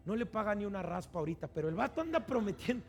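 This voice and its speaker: A pastor preaching a sermon, acting out quoted voices with animated delivery. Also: male voice, sits high, rapid-fire, soft background music.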